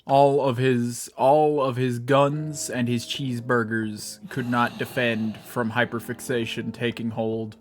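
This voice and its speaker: A man's voice: mid-range voice, little pitch movement, slow pace, few pauses, faint music behind. A young American man giving casual, rambling, self-mocking commentary while he streams a game, swearing freely. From United States.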